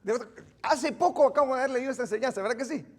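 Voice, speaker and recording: A man's voice: very high-pitched, racing, darkish tone. A male pastor giving an interactive Bible teaching in a church, quizzing the congregation and joking as he goes.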